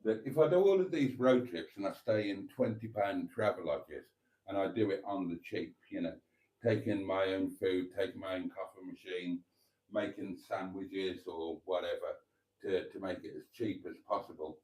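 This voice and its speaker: This fifty-something British vlogger has a low, darkish voice and talks at a normal speed, captured in a rough recording. Chatty and self-mocking, he rambles through his live stream with frequent ums and calls viewers darlings.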